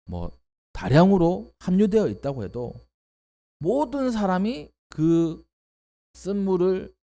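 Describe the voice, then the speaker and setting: A male pastor delivering a sermon in an expressive, emphatic way, often rising into exclamations. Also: on the high side.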